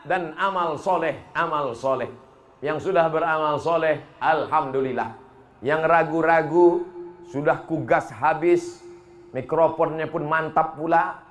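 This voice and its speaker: A man giving a humorous sermon as an Islamic preacher at a foundation gathering, telling lively stories with local slang. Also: on the high side.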